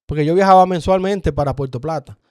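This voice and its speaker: A man's voice: a little high, a little fast, a little mellow, no room sound, clean studio sound. Earnest Dominican man telling a testimony. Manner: earnest storyteller, acts out dialogue. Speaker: guest giving a testimony. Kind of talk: personal testimony in conversation.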